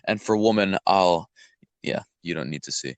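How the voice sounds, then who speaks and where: Young guy on a podcast, low voice, dry teasing, dead dry mic. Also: moderate pace, no echo. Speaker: podcast co-host. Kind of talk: casual chat.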